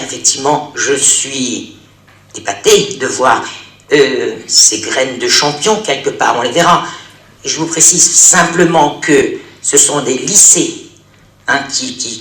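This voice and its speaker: A man, a local elected official, giving a formal, praising speech at a public event, halting and restarting as he speaks. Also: medium pitch, expressive, fairly bright tone, far from the mic. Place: large hall with an audience. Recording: echoey hall recorded from afar.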